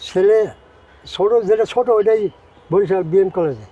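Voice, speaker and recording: Older man, short halting replies, dull lo-fi outdoor recording. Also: sits high, warm tone, breathy edge. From Barguna, Bangladesh. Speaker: cemetery grave mason. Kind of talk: casual interview answers. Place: outdoors in a city cemetery.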